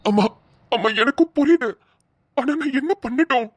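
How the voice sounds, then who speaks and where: A woman's voice: sits high, normal speed, no echo. A woman voicing a harried young male police officer who rants in exasperation, for a cartoon. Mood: pleading. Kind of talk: dubbed cartoon voice acting.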